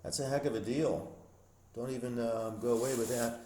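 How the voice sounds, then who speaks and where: Walking through empty rooms of an abandoned house, a man hosting as an urban explorer vlogger casually shows viewers around, openly amazed by what he finds. He has a warm, mid-range voice with fairly even intonation at normal speed, and the recording carries roomy echo and light background noise.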